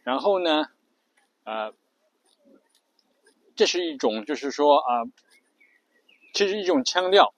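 A man's voice: on the high side, animated, no echo. Rambling man explaining, dry sound. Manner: rambling, many fillers, demonstrates vocal fry and drawn-out endings. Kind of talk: casual explanatory lesson.

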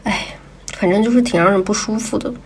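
A woman's voice: mid-range voice, fast, slight background noise. A woman from southern China chatting casually and giving opinions as a podcast co-host, in colloquial speech peppered with internet slang.

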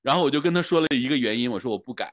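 爱笑、讲故事的北方口音男人. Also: male voice, mid-range voice, racing. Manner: chatty storyteller, laughs often. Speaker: coach, podcast co-host. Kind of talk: casual conversation.

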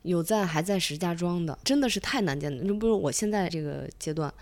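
A woman's voice: lowish voice, animated, a little fast, a little mellow. A young woman chatting casually and spontaneously as a podcast co-host. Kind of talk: casual improvised chat.

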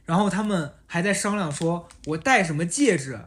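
A podcast host in relaxed conversation, telling a long anecdote with lively delivery and frequent laughter. The voice sits at a middle pitch, neither high nor low. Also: normal speed. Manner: animated, laughing storyteller. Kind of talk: casual chat, storytelling.

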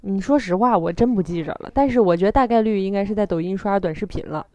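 A woman with a Northeastern Chinese accent chats casually as a co-host. She tells things in an animated, self-mocking way, at a middling pitch. The sound is close and dry. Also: quick pace, dry recording. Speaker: podcast co-host. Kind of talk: casual chat.

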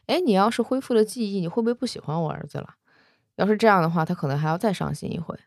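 A woman voicing a teasing old male phoenix god talking about his son, soft and confiding. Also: mid-range voice, racing, no room sound, studio quality, close to an everyday voice.

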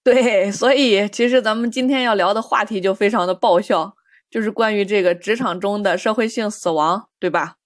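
A woman co-hosting a podcast, chatting casually with giggles and quick interjections. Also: mid-range voice, no room sound, clean studio sound. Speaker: podcast co-host.

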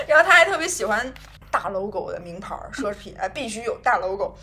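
A woman chats on a casual podcast, her fairly high voice rising and falling freely. She sounds playful and laughs as she tells her stories. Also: wildly swooping pitch, moderate pace, pushed and bright, a little hiss or hum. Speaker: podcast co-host. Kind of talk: casual chat.

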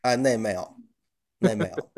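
A man's voice: fairly low pitch, normal speed, creaky. A man with a Tianjin accent chatting casually and comically as a podcast co-host, in earthy colloquial speech with some mild swearing. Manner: colloquial, mildly profane.

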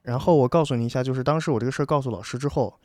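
A young man casually telling a school story on a podcast, animated and laughing often. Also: mid-range voice, racing, no room sound. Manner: animated, laughs often, acts out quoted lines.

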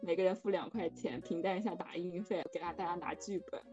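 A woman's voice: fairly low pitch, fairly even intonation, fairly quick. A young adult woman in casual conversation. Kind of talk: casual chat. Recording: dull lo-fi sound, music behind. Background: music.

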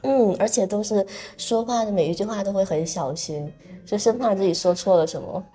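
A woman's voice: medium pitch, fairly quick, warm tone, faint music behind. A woman from mainland China hosting a podcast in casual chat, curious and full of questions, laughing often. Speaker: podcast host.

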